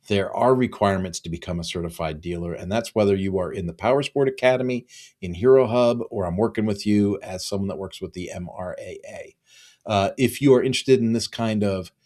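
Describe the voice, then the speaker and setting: A man's voice: on the low side, a little mellow. A man in his fifties, a business consultant talking alone to camera, earnest and repeating phrases for emphasis. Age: 50s. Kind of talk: solo promotional talk to camera.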